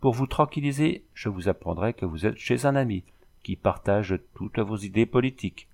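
A man voicing a gentle but bossy young woman nursing a patient, in an audiobook reading. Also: lowish voice, animated, moderate pace, creaky. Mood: coaxing, bossy. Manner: softly commanding, coaxing.

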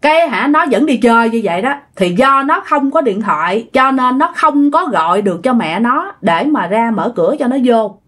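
A woman with a Southern Vietnamese accent tells a ghost story chattily, speaking straight to her listeners. Her voice is a little high and a bit bright, with lively intonation, a moderate pace, and hardly any pauses.

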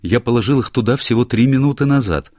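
A man's voice: mid-range voice, fast talker, a little mellow, no room sound, clean studio sound, voice pushed up, lightly acted. A man voicing a young, anxious male secretary who stammers and is eager to please, in an audiobook. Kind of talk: audiobook character voice.

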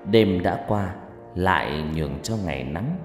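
A dramatic audiobook narrator whose pitch swings lively through the tale, heard in a long echoing reverb. Soft music plays underneath. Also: measured pace. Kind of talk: storytelling narration. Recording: echoey reverb with background music.

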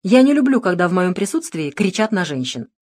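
A woman voicing a calm, sarcastic middle-aged male detective in an audiobook, speaking in a cool, mocking, unhurried way. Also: on the low side. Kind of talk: audiobook character reading.

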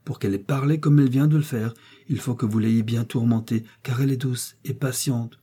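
A man's voice: medium pitch, fairly even intonation, brisk, mellow, slightly rough, close to an everyday voice. A man reading the part of a young miller who speaks firmly to his mother in defense of his wife. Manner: firm, resolute. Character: young miller, firm and loyal husband.

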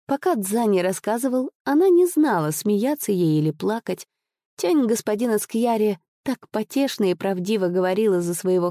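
A woman reading a novel aloud as the narrator, with an even storytelling delivery. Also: mid-range voice, no echo, clean studio sound. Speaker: audiobook reader. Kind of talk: scripted narration.

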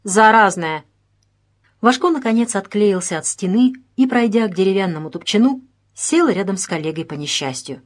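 A woman narrating a detective audiobook in a measured, expressive reading. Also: medium pitch. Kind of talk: scripted narration.

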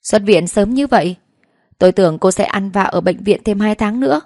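A woman's voice: medium pitch, moderate pace, darkish tone, no room sound, studio quality, lightly acted. A woman reading the lines of a cruel, commanding young husband in a storybook narration, speaking in a harsh, clipped way. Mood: sneering.

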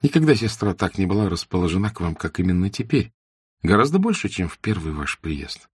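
A man voicing a shy, observant young woman in a classic novel audiobook, speaking softly and earnestly. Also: deep voice, sing-song, fairly quick, husky, dry recording, clean studio sound, full character voice. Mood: reserved. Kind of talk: audiobook character reading.

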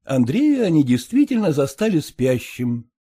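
Male narrator for an audiobook story, varied intonation, mellow timbre. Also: a little high, very animated, moderate pace, husky.

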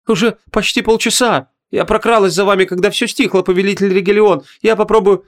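A man reading an audiobook, voicing a frail, loyal young female sorceress lieutenant in a high, pleading voice. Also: steady tone, brisk. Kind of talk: audiobook character voice.

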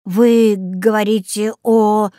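A woman's voice: medium pitch, fairly even intonation, takes it slowly, warm tone, dry recording, clean studio sound, lightly acted. A woman voicing a skeptical male family dog in an audiobook story, with doubtful, snorting retorts.

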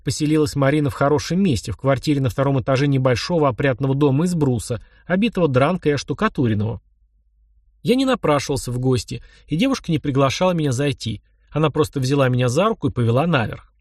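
A man narrates a first-person novel in a mid-pitched voice. He tells it wryly and conversationally, close to the mic in a dry, deadened recording. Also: animated, fast talker, a little mellow, dry recording. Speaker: audiobook narrator.

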